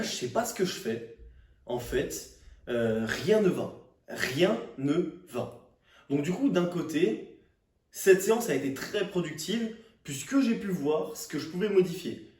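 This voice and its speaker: A man's voice: fairly high pitch, a little mellow. A young man venting casually to camera in slang, exasperated and ranting, with swearing. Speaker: fitness vlogger. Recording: roomy echo, distant microphone.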